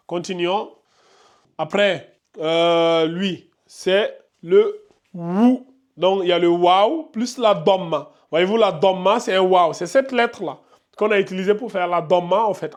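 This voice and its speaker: A man whose first language is Pulaar, teaching Arabic letters at a whiteboard and repeating each syllable slowly for his learners. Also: high voice. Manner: chatty, addresses learners directly. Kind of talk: whiteboard lesson.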